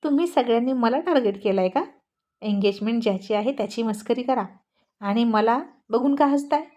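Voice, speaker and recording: A woman's voice: a little high, normal speed, dark tone, highs cut off, close to an everyday voice. A woman voicing an irritated young boss. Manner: scolding, exasperated. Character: stern young male boss, easily irritated.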